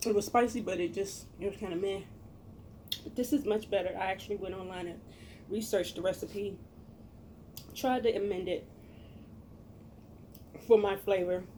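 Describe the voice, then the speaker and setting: A middle-aged American woman chatting casually to viewers as a cooking vlogger, with a folksy, expressive, emphatic manner. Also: medium pitch, moderate pace, long pauses, slight background noise.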